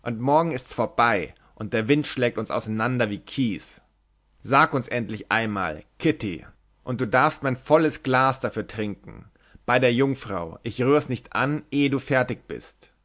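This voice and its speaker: A rough, boisterous sailor, as a male storybook reader puts him on, blunt and loud. He coaxes and demands in the same breath. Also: mid-range voice, lively intonation, measured pace. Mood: demanding. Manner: shouting, blunt and coaxing.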